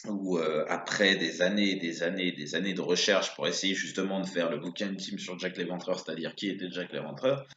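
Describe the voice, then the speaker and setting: A man's voice: low voice, steady tone, brisk, few pauses, a bit bright. A man giving a casual spoken commentary on comics, rambling with many hesitations and restarts. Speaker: video blogger commenting on comics. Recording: roomy, dull lo-fi sound.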